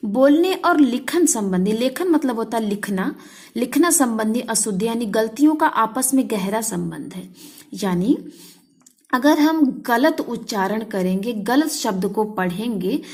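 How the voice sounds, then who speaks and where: A woman's voice: a little high, expressive, a little slow, darkish tone. A woman teacher patiently explaining a grammar lesson to children, repeating each point in simpler words.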